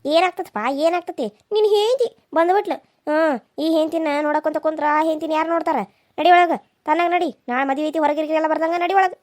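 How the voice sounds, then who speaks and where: A sharp-tongued, scheming older village mother-in-law from a cartoon serial. She speaks with a North Karnataka accent. She scolds at a fast clip in a high, shrill voice, recorded dry and close. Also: dry recording. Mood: scolding. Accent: North Karnataka Kannada. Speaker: voice actor.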